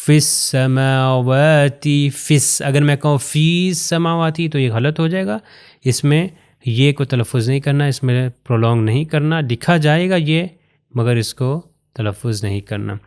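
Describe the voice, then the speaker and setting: A man from Pakistan, teaching Quran recitation patiently and step by step, pointing to written examples and slowing down to recite phrases carefully. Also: medium pitch, darkish tone. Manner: slows down to recite Arabic phrases with care. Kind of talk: recorded lesson explaining to learners.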